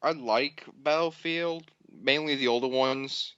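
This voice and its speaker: A man's voice: medium pitch, unhurried, fairly bright tone, smooth, dry recording. Wry young man on a lo-fi mic. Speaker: podcast co-host. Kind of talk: casual gaming chat. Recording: dull dry lo-fi mic.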